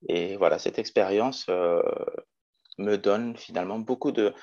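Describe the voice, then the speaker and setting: A man's voice: fairly low pitch, unhurried, darkish tone, muffled recording. A man in his twenties from Morocco, a teacher talking as a guest in a casual interview, thoughtful with many hesitations. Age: 20s. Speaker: guest, special education teacher.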